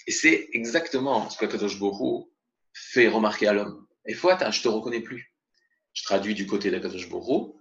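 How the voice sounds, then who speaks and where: A man teaching a spoken religious lesson in a gravelly, mid-pitched voice, expressive as he explains and mixes Hebrew terms into the talk. The recording sounds dull and lo-fi. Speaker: Torah teacher.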